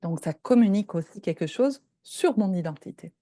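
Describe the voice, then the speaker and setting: A woman's voice: mid-range voice, animated, moderate pace, mellow, no echo, clean studio sound. An older woman from Belgium, a professor giving a lecture and explaining points step by step, often checking in with her listeners. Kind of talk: lecture presentation.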